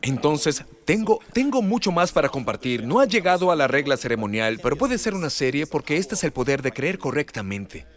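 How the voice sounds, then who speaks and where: A middle-aged man preaching a sermon as pastor, animated and rising loud for emphasis. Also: on the high side, brisk, hardly any pauses.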